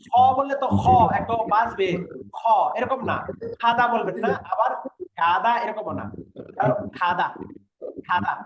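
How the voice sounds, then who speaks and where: A man teaching an online language class, patiently repeating words slowly for his students. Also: high-pitched. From Bangladesh. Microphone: online class call audio. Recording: echoey, muffled, noisy online class audio.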